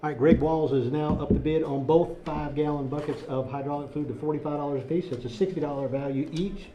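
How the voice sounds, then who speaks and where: A man co-hosting a live radio auction, briskly rattling off bid updates. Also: on the high side, steady tone, highs cut off, a crowd in the background.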